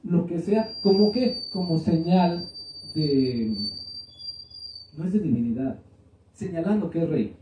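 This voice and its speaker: A man preaching a sermon as pastor, animated, rising to exclaim prophecies. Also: sits high. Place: church hall. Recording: echoey phone-like sound from far off.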